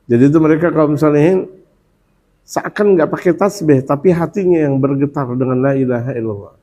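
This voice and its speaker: Man, preacher, mellow dark voice, chants repeated phrases, colloquial and joking, dull lo-fi recording. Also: on the high side, a little fast. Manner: repetitive chanting of dhikr phrases; lively, colloquial with humorous asides. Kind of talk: Ramadan sermon.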